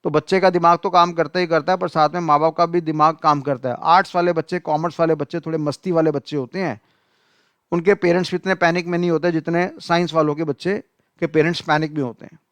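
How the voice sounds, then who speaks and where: A man's voice: on the high side, steady tone, quick pace, a bit bright, smooth, no room sound. A man teaching an economics class in style lecture, talking to students as "beta" and acting out their excuses.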